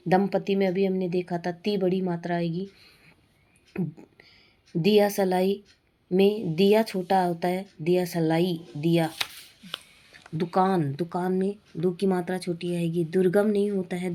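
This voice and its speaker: A woman's voice: fairly low pitch, dark tone. A woman teaching a Hindi exam-prep lesson with an Indian accent, steadily listing wrong and correct spellings. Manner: drills words, stating wrong then right spelling.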